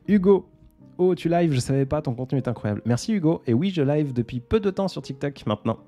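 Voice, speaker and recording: A young man hosting a casual livestream, speaking softly, laughing often and reading out viewers' comments. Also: a little high, animated, fast talker, hardly any pauses, soft background music. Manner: soft-spoken, laughs often, reads out comments. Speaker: livestream host.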